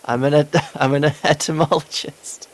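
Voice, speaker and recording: A man chatting casually during a game stream, laughing often and rambling through asides. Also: a little high. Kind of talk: casual gameplay chat.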